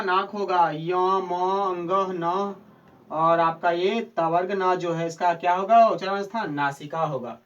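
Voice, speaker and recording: A man's voice: high-pitched, a bit bright, dull audio. Man drilling students, far from the mic. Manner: asks questions then answers them himself; repeats key answers for drilling. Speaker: teacher. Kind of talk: Hindi grammar lesson for board exam students.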